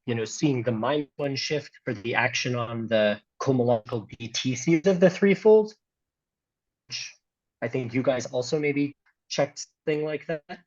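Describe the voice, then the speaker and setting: A man's voice: mid-range voice, normal speed, darkish tone, muffled recording. A man with an American accent giving an academic math seminar talk, hesitant, with many fillers and restarts. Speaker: seminar speaker.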